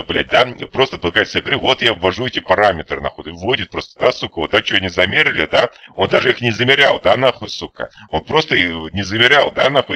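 A man's voice: low-pitched, sharp tone. A man giving rambling, profanity-filled commentary while playing a game, irritated and ranting. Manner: constant swearing, rambling and irritated. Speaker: gameplay commentator. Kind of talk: profane let's-play commentary.

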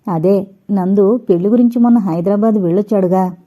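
A woman voicing a gentle, trusting middle-aged mother who coaxes softly, in an audiobook reading. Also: medium pitch, brisk, lightly acted. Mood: coaxing.

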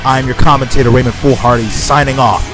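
A man doing excited play-by-play commentary over a wrestling video game, exclaiming and gasping as his voice leaps up. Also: medium pitch, quick pace. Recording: loud game music and crowd noise. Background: game music and arena crowd.

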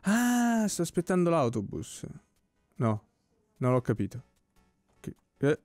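A man giving casual let's-play commentary, relaxed and puzzled, with joking asides about what happens on screen. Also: on the high side, slow, dry recording. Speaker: gameplay commentator. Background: soft game music.

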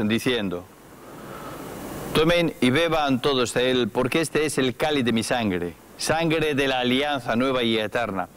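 A man leading Mass as the priest, reciting the liturgical prayers in a solemn, measured way in a small chapel. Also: mid-range voice, a little hiss or hum. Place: small chapel studio with brick wall.

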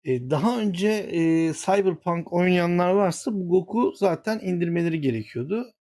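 A man's voice: high voice, animated, moderate pace, warm tone. A man hosting a gaming channel, walking viewers through a screen-share tutorial and muttering to himself when he gets flustered.

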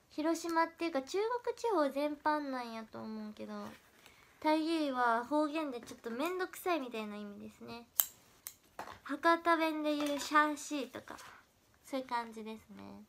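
Young woman, high voice, stuffy runny nose, forced upbeat chatter, faint background noise. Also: animated, normal speed. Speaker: idol livestreamer. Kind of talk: casual livestream chat while crafting.

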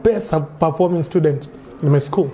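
Young Kenyan man, warm and slightly high. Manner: mixes English and Swahili, halting and candid. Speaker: guest. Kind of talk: casual interview chat. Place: restaurant set.

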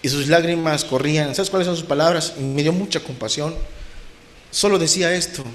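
A middle-aged male pastor preaching with passion, his fairly high voice dropping soft and then rising loud to stress a point. The recording has a roomy echo. He talks straight to the congregation. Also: brisk, slight background noise. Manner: impassioned, swings from soft to loud emphasis. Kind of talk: sermon.

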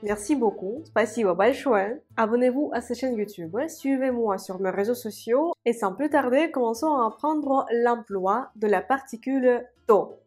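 A woman gives a patient language lesson in a fairly high voice, saying each example word again and again. Soft music plays faintly underneath. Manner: slow, careful repetition of example words. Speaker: language teacher. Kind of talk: Russian lesson for French speakers.

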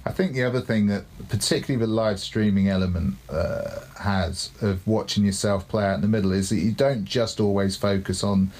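A man's voice: lowish voice, fairly quick, few pauses, darkish tone. A man who coaches cricket, explaining his ideas thoughtfully in casual podcast chat, often adding tag questions.

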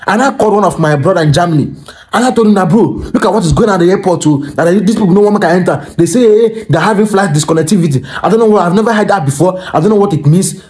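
A young Nigerian man telling a comic story to his phone camera indoors, excitable and stumbling over repeated words. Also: high-pitched, racing. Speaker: comedic storyteller. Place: small indoor room by a curtain. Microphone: phone camera held at arm's length.

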